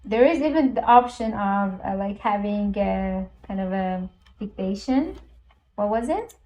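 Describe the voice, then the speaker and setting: Her voice is medium-pitched and a little dark, animated yet measured in pace, captured on a low-quality recording. She's a Persian-native language teacher giving a chatty, step-by-step app walkthrough on screen, with frequent ums and uhs.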